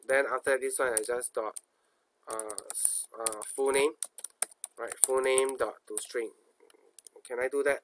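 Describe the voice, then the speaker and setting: A man's voice: medium pitch, steady tone, measured pace, pauses often. A man with a Singaporean accent giving an informal coding tutorial, thinking aloud in colloquial speech, asking himself questions and repeating phrases. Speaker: programming instructor.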